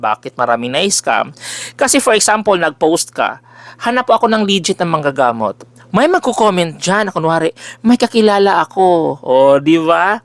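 A man with a big, loud voice who runs a folk-healing page, talking casually and animatedly to his followers with jokey exclamations. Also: on the high side, no room sound. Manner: chatty and exclamatory, switching between Tagalog and English, jokey asides. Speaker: folk healer selling remedies, page owner. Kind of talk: casual direct-to-camera address to followers.

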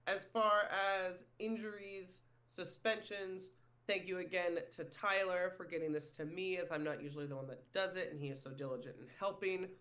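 A man's voice: sits high, fairly even intonation, normal speed, pushed and bright. A man hosting a casual sports podcast, chatty and self-deprecating, often saying "if you will". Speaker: podcast host.

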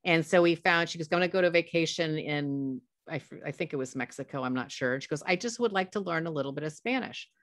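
A woman's voice: low voice, brisk, few pauses, no echo, clean studio sound. A middle-aged woman presenting a webinar through a headset mic, talking conversationally with stories and frequent self-corrections. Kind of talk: professional development webinar talk.

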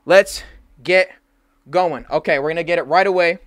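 A young man hosting a livestream, talking fast and slangy while thanking donors. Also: on the high side, fairly bright tone. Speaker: livestream host. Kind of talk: casual livestream chat.

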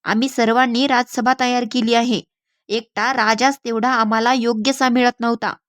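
A woman reading a novel aloud as an audiobook, in a measured and expressive storytelling manner. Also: fairly high pitch, dry recording, studio quality. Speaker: audiobook reader. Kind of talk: literary audiobook narration.

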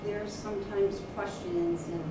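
A woman giving a chatty, relaxed update to a town board, recorded in a meeting room. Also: medium pitch, measured pace. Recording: distant, echoey, noisy room.

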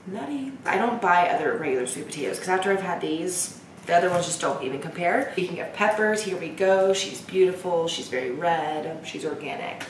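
Young woman, casual vlog host, chatty and upbeat, lowish voice, roomy distant sound. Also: lively intonation, brisk. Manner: chatty, upbeat, says y'all. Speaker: lifestyle vlogger. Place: home kitchen indoors. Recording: echoey room, mic at a distance, noisy.

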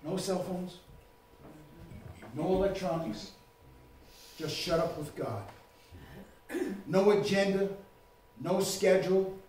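A man preaches with a very high voice, dropping low and quiet, then climbing into shouts. He is heard from a distance in a church that rings with heavy echo. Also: slow, long pauses, slight background noise. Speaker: pastor. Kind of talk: sermon. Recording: echoey church room, mic far off.

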